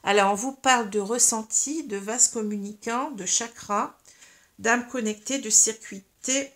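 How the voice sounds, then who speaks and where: A woman's voice: on the high side, unhurried, a bit bright. A woman with a French accent reads tarot cards to her viewers, speaking hesitantly with many fillers while she has hiccups. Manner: hesitant, many fillers and tags like "hein" and "vous voyez". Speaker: tarot card reader. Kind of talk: spiritual tarot reading to viewers.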